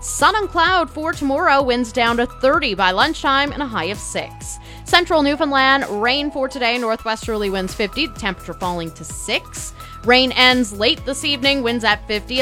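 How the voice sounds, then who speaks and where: Brief: female radio newsreader, bright forceful voice, slightly high pitch, scripted news and forecast delivery. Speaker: radio news and weather announcer.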